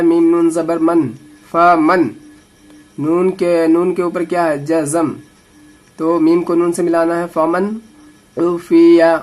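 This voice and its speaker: A man teaching Quran reading, slowly spelling out syllables letter by letter and then explaining the rules in quicker asides, with an Indian Urdu-Hindi accent. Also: fairly high pitch. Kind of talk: slow letter-by-letter recitation lesson.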